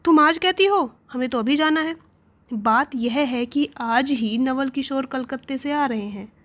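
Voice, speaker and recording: An insistent young husband, brisk and a little sarcastic, as a woman reading a story aloud puts him on. The voice stays fairly high and plain. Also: fairly bright tone.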